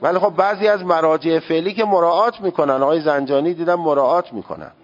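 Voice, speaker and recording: A man with a fairly high voice gives a seminary lecture on religious law. He speaks emphatically and sounds out Arabic words to show the correct pronunciation. The recording is dull and lo-fi, with a long hall echo. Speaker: seminary teacher.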